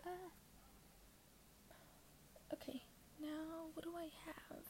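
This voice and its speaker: A woman's voice: very high-pitched, level tone, takes it slowly, darkish tone, slight background noise. A woman hosting her own podcast, rambling and self-conscious, often dropping into a half-whisper. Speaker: podcast host. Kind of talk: casual solo talk.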